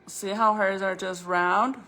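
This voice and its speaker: This crafts-and-baking vlogger talks to her viewers casually, rambling as she thinks aloud, a retainer slightly impeding her speech. Her medium-pitched voice is bright and pushed, with fairly even intonation and a slightly slow pace.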